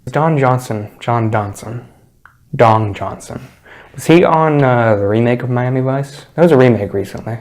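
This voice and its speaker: A man's voice: mid-range voice, normal speed, a little mellow. A man with an ordinary mid-range voice runs a casual movie chat. He teases his co-host and jokes his way through the plot summary. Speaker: podcast co-host.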